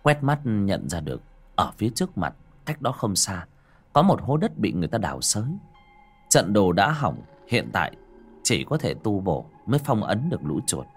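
Low-voiced, animated male storyteller. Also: moderate pace, slightly rough. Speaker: audiobook narrator. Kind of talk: dramatic scripted horror-fantasy narration. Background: background music.

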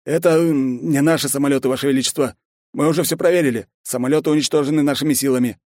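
A man's voice: mid-range voice, steady tone, fast, a little mellow, no room sound, studio quality, voice pushed up, close to an everyday voice. A man voicing a stout, servile general who reports anxiously to his emperor in an audiobook. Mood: nervous. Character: stout middle-aged general, nervous, servile.

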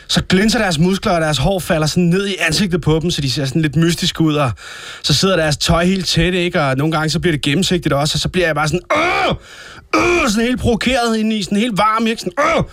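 A crude blustering thug. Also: male voice, high voice, a bit bright, dry recording. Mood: worked up. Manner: blustering, crude, tags lines with "right?". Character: crude violent male thug in denial. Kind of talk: comedy sketch acting.

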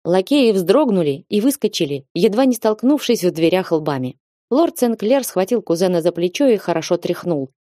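A woman reading an audiobook aloud in a measured, expressive way. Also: fairly low pitch, no echo, studio quality. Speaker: narrator. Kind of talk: audiobook narration.

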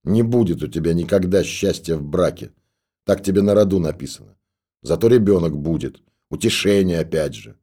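Male narrator as a gruff, scolding stoker with a low, dark voice. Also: lively intonation, moderate pace, exaggerated voice. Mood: stern. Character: gruff old stoker in a monastery.

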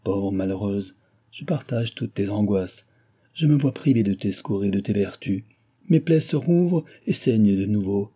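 A man's voice: lowish voice, animated, normal speed, mellow, breathy edge. A man reading the part of a tearful, compassionate old man who laments in solemn exclamations, in an audiobook. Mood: lamenting. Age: older.

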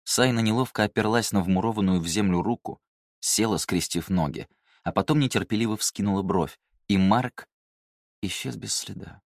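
A man narrating a fantasy novel in an even, measured storytelling manner. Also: on the low side, no echo, clean studio sound. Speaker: audiobook narrator. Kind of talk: scripted narration.

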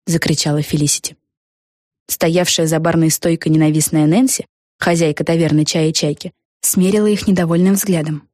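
A woman narrating a children's audiobook in a lively, expressive reading. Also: low voice, normal speed, no room sound, clean studio sound. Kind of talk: scripted storybook narration.

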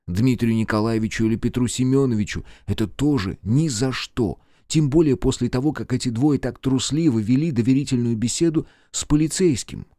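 A man narrating an audiobook in a measured storytelling manner. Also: medium pitch, mellow, no room sound, studio quality. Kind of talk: scripted narration.

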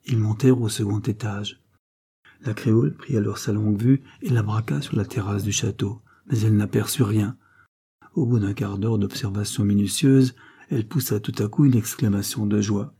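A man narrating a classic novel aloud in a measured, dramatic reading. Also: lowish voice, steady tone, mellow, breathy edge. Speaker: audiobook narrator.

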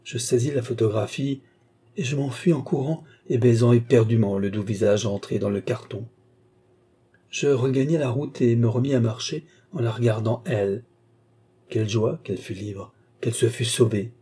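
A man narrates a classic story in a measured, literary audiobook reading. His voice is dark and mellow, with a husky grain. He voices the dialogue only lightly. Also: mid-range voice.

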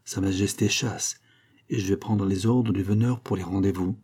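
A man's voice: sits low, fairly even intonation, normal speed, mellow, slightly rough. A man reading aloud voices a dutiful young officer giving a polite, plain answer.

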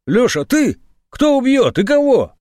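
A man voicing a brusque male police major who gives curt, loud orders, in an audiobook. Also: fairly high pitch, animated, fairly quick, dry recording, clean studio sound, lightly acted. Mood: commanding.

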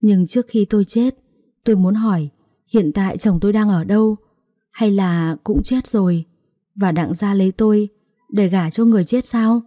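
A woman's voice: medium pitch, moderate pace, dark tone, no echo, clean studio sound, natural voice. A woman voicing a naive, blunt young village bride in a storybook reading. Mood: pleading.

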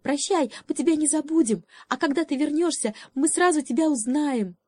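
Lady doing tiny squirrels, high chirpy voices. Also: normal speed, mellow, dry recording, lightly acted. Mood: tender. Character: chorus of little squirrels.

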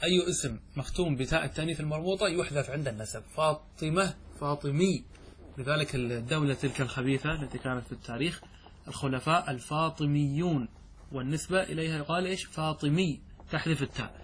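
A man's voice: fairly high pitch, fast, breathy edge. A middle-aged man teaching Arabic grammar in a classroom lecture. He explains step by step and keeps asking the class checking questions.

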